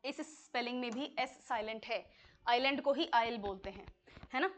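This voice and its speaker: A woman teaches an exam-prep English lesson in Hindi, working through examples one at a time. Her voice sits high, and she keeps pausing to make sure her students have followed. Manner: explanatory, checks in with students often.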